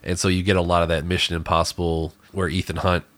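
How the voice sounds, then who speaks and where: Deep-voiced man reviewing a film. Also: flat delivery, a bit bright, no echo. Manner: halting, searches for words. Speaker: podcast co-host reviewing a film. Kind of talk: casual conversation.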